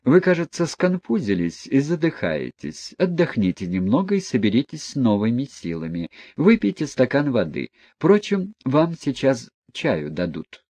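Brief: man reading as a sharp, imperious young noblewoman in a storybook reading, high and lively. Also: moderate pace, hardly any pauses, breathy edge, no room sound. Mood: mocking. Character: proud, mocking young noblewoman.

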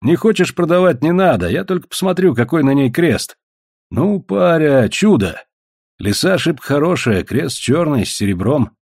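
A man's voice: a little high, big pitch swings, moderate pace, darkish tone, no echo, studio quality, voice pushed up. A man voicing a cheerful, burly fur trader who talks in a bluff, coaxing way. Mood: jovial.

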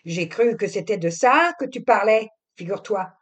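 A woman reading an audiobook, voicing a gentle young husband who speaks quietly and measuredly. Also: mid-range voice, lively intonation, normal speed, voice pushed up, lightly acted. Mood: guarded. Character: young husband, gentle, wary, fond of his cat.

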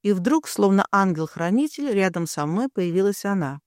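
A woman's voice: mid-range voice, animated, moderate pace, darkish tone, no room sound, studio quality. Woman narrating a first-person novel. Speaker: audiobook narrator.

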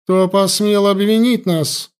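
A man voicing a cruel, imperious older high priestess in an audiobook, speaking harshly and with command. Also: steady tone, slow pace, smooth. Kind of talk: audiobook character voice.

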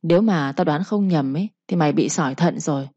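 A woman's voice: low-pitched, brisk, dark tone, breathy edge, dry recording. A woman voicing a stern young male master who gives blunt, scolding orders. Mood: brusque. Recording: slightly muffled recording.

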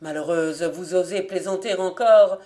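A woman's voice: fairly low pitch, a little slow, darkish tone, close to an everyday voice. A woman reading an audiobook voices a young male peasant who speaks earnestly and then in shock and reproach. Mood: alarmed.

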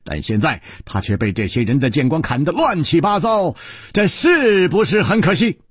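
A man voicing a calm, wise male swordsman who speaks in a measured, reflective way. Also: on the high side, husky, no echo, pitched above the performer's own voice.

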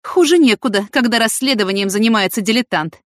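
A woman's voice: on the high side, lively intonation, quick pace, dry recording, clean studio sound, lightly acted. A woman voicing a stern, harsh female farm manager who scolds sharply. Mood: scolding.

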